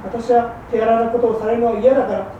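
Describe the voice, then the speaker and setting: A shrewd, patient fishmonger's wife, as a woman voices her in a storyteller's act. She coaxes and scolds in a high, brisk voice. It sounds distant and echoing, in a large roomy hall with faint hum behind. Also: steady tone, dark tone, highs cut off, lightly acted. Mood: reproachful. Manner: coaxing, reproachful, brisk.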